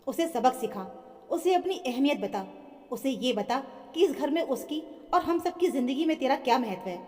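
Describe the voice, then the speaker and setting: A woman voicing a stern, protective older mother-in-law who scolds forcefully. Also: sits high, expressive, normal speed, long reverb tail.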